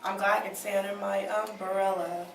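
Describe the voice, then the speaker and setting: A woman's voice: mid-range voice, flat delivery, normal speed, vocal fry. Hammy woman, distant and echoey. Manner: playful, hams it up. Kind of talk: quick improvised answers. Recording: echoey room, distant mic, noisy.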